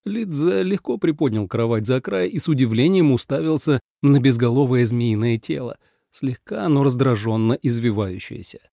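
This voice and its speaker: A man's voice: mid-range voice, animated, moderate pace, creaky, hardly any pauses, mellow, no echo, clean studio sound. A man narrating an audiobook in a storytelling manner.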